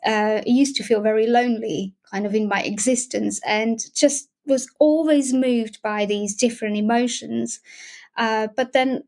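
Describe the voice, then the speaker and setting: A young adult woman with a Slovak accent talks in a relaxed interview. She pauses and restarts often, searching for words. Her voice sits a bit high. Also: creaky. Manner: hesitant, many restarts and fillers. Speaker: guest, emotional wellbeing facilitator. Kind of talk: casual interview talk.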